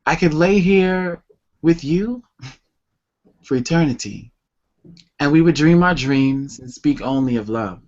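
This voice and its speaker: A man's voice: a little high, expressive, a little slow, long pauses, darkish tone, dull audio. A man, a poet guest, reading his love poems with emotional intensity and then talking about where they came from. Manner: emotional, intense, tender delivery. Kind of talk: slow poetry reading and interview answers.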